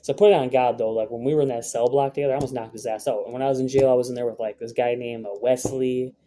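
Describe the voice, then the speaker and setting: A man's voice: mid-range voice, fairly even intonation, fast talker, warm tone, a little hiss or hum. A young man vlogging, telling a rambling, profane story in a brash, casual way with many fillers.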